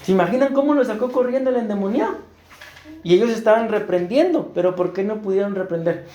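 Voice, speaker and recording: A man's voice: sits high, quick pace, dark tone. A middle-aged man with a Costa Rican accent, preaching a sermon as pastor and earnestly asking his congregation rhetorical questions. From Costa Rica. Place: church hall. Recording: roomy church echo.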